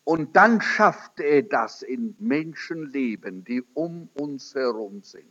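On a dull, lo-fi recording, a man delivers a sermon, recounting a testimony in story form. His voice is animated and a bit bright, and he takes it slowly, quoting the characters in a lowered voice and climbing to emphatic peaks.

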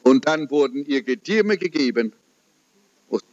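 A man preaching a sermon, telling mission stories slowly and earnestly. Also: lively intonation, darkish tone. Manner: slow, earnest storytelling with sweeping pitch. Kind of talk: sermon with testimony. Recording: dull lo-fi recording.

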